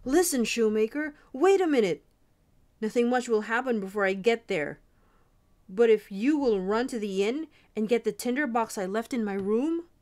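A woman voicing a condemned young male soldier who shouts and pleads urgently from his cell. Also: on the high side, pitched above the performer's own voice.

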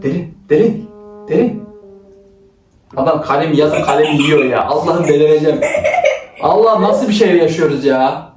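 A man's voice: a little high, moderate pace, long pauses. A young man bossily directing his little sister through a playful skit, teasing her and often laughing. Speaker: older brother directing a skit. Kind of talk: playful sibling role-play skit. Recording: roomy, from a distance, faint music.

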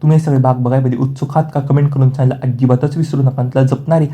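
A man retelling a family serial's next episode for his viewers. He races through the story in an almost unchanging pitch. His voice is very dark, and he leans on the same filler phrases again and again. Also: steady tone, rapid-fire. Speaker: serial recap narrator. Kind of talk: scripted episode recap.

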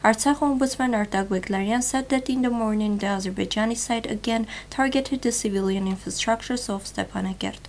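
A young woman presenting a read news bulletin in a television studio, in a steady, formal newsreading manner. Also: fairly high pitch, brisk, few pauses, slight background noise.

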